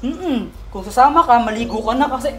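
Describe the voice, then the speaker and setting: A woman voicing a doting father who speaks gently and affectionately to his daughter. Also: on the high side, animated, brisk, over loud music, natural voice. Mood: tender. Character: caring, doting father, adult man. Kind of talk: animated story voice acting.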